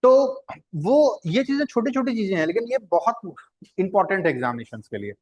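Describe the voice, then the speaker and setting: A man with a high-pitched, very animated voice teaches a Hindi translation lesson at a slightly fast pace. He explains at length, repeats words, spells them out, and asks questions that he then answers himself.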